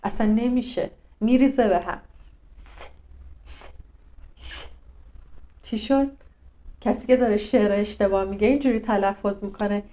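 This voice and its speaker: A woman's voice: mid-range voice, mellow. A woman speech coach giving a pronunciation lesson and demonstrating sounds as she talks the viewer through them.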